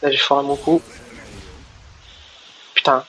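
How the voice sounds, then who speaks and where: A man's voice: on the high side, steady tone, unhurried, fairly bright tone. A man doing casual let's play commentary at home, swearing and laughing at the game, on a lo-fi recording. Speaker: gaming video host. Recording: lo-fi voice with faint hiss.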